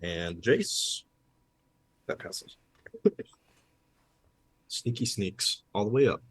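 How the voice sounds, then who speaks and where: A man narrating and making rulings as game master, in a relaxed, easygoing way. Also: lowish voice, very slow, husky, no echo.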